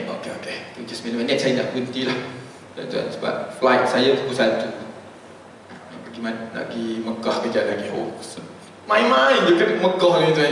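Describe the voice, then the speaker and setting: A male preacher with a Malaysian accent giving a dawn religious lecture. He jokes with his audience, calls them sirs, and slows down to chant Arabic verses. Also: medium pitch. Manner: animated and joking, addresses listeners as sirs. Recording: very echoey hall, distant mic, faint hiss.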